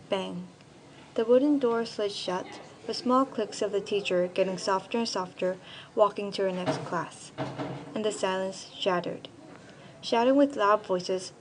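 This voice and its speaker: A woman's voice: mid-range voice, slight background noise, low-quality recording. A young teenage girl from Korea reading her own personal essay aloud, in a careful, earnest storytelling manner. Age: young teen. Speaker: student essayist.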